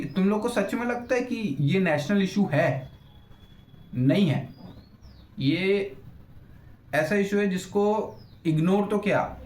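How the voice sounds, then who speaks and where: A young man and YouTuber ranting in an unscripted roast, blunt and crude, swearing freely and losing his thread as he rambles. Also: sits high. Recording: echoey room.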